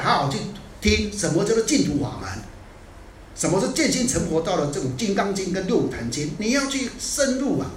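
A man giving a Buddhist dharma talk in a scolding, animated way, dropping in English phrases now and then. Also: high-pitched, slight background noise. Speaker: Buddhist teacher. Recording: echoey room, distant mic.

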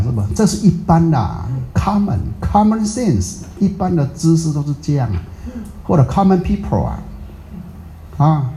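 A man's voice: fairly high pitch, warm tone, a little hiss or hum, poor audio. A man giving an informal Buddhist dharma talk to a live audience, chatty and often checking with them, sprinkling in English words. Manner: chatty, keeps asking the audience "right?".

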